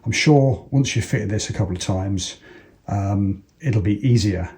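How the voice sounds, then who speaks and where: Working through a practical product installation, a British presenter explains each step in a low, mellow voice. His hands-on demonstration is relaxed and informal, unhurried, almost like he's thinking out loud.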